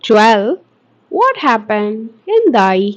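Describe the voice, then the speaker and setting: A woman with a Malayali accent teaching English, saying short phrases clearly and explaining them. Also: mid-range voice, very animated, dull audio. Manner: clear, deliberate drill-style enunciation. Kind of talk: language lesson, slow model phrases with explanations.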